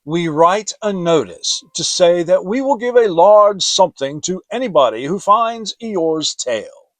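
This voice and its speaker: A man's voice: high voice, lively intonation, dry recording, voice pushed up. A man voicing a pompous, long-winded owl in a storybook, with emphatic, lecturing delivery. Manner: emphatic, lecturing, drawn-out words.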